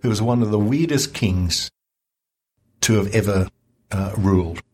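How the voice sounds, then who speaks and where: A man guest on a history podcast, explaining events in a lively, wry conversational way. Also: fairly low pitch, measured pace. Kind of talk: casual history chat.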